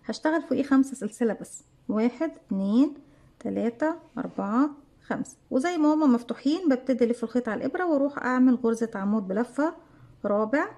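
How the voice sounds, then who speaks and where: A woman with an Egyptian Arabic accent leads a crochet lesson, talking quickly in a somewhat high voice. She counts each stitch aloud and poses questions to herself before answering them, in the steady manner of a tutorial. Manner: talks herself through steps, counts stitches aloud, asks and answers her own questions. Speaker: crochet teacher. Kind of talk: step-by-step tutorial narration.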